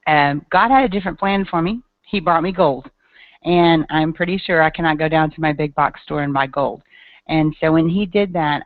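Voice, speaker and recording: A woman's voice: low-pitched, no echo. A woman with a Tennessee Southern accent, presenting earnestly and chattily on an online call, with many ums. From Tennessee, USA. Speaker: guest speaker. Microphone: video call. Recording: tinny dry call audio.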